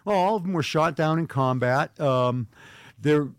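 This middle-aged man speaks a little slowly in a fairly high, clean voice with no room sound. He is an author giving an interview as a guest, earnest and reflective, and he often restarts his sentences.

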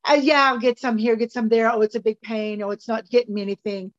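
A woman's voice: fairly high pitch, steady tone, quick pace. Brief woman on a muffled video call. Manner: hesitant, restarts her sentences. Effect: heard over a video call. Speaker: call participant sharing her business experience. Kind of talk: casual group discussion. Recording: dull lo-fi video call audio.

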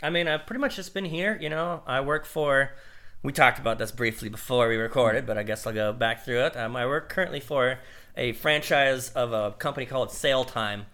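A man hosting a casual podcast, explaining his sailing-instruction job in a relaxed, rambling way, laughing often. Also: medium pitch, a little fast. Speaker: podcast host. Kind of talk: casual chat.

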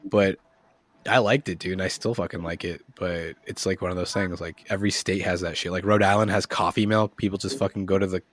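A man's voice: sits low, fairly even intonation, fairly quick. A man from Massachusetts chatting casually on a podcast in loose, profane slang. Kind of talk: casual chat.

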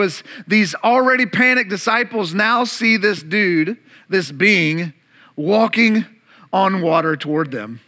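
A man's voice: high-pitched, pushed and bright. A man preaching a sermon to his congregation, telling the story dramatically with playful asides to the room. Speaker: pastor. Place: church service before a congregation.

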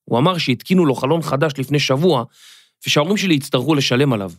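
A man voicing a frightened young schoolboy who speaks quietly and mumbles, in a children's audio story. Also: fairly high pitch, dry recording, clean studio sound, close to an everyday voice. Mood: scared.

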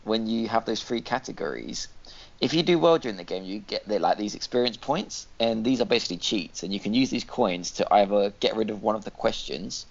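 Guy, gravelly and animated, teasing questions on a gaming podcast, muffled mic. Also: on the low side, fairly quick. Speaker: podcast co-host. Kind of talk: casual chat about video games. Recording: dull lo-fi podcast audio.

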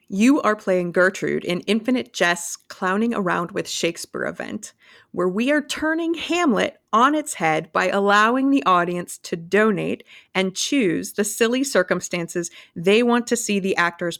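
A woman's voice: medium pitch, animated, a little slow, gravelly, fairly bright tone. A woman hosting an interview, encouraging and playful toward her guest. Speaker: interview host.

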